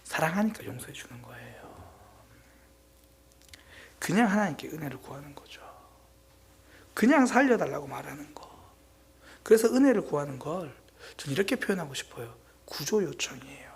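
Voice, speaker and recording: A man preaching a sermon as pastor at a Friday prayer meeting, swinging between loud exclamations and hushed whispers. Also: on the high side, very animated, normal speed, vocal fry, long pauses. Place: church sanctuary.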